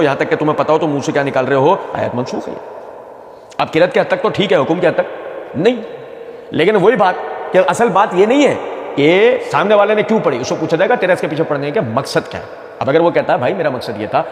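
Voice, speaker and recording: A man giving argumentative religious commentary, mocking and repeating phrases for emphasis. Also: a little high. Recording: echoey room with long reverb.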